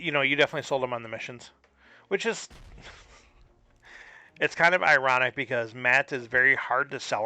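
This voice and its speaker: Man, casual live game commentary, gravelly voice, bright edge, thinking aloud, faint music behind. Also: mid-range voice, no room sound. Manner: thinking aloud, puzzled and musing over the opponent's moves. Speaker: streamer.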